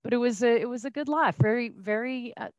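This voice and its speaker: A middle-aged Texan woman with a Texas accent tells her life story as a podcast guest, chatty and folksy, full of fillers and restarts. Her voice is slightly high and a bit quick, recorded lo-fi with no room sound. It's casual interview storytelling.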